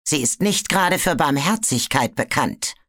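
Narrator voicing a cold ice dragon, hissing, sarcastic, sharp-edged storybook voice. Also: medium pitch, expressive, normal speed, no room sound, clean studio sound. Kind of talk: audiobook character voice.

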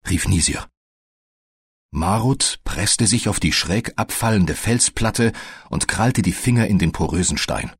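Male narrator, low and husky, measured audiobook reading, dry close sound. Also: dry recording. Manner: slow, measured storytelling.

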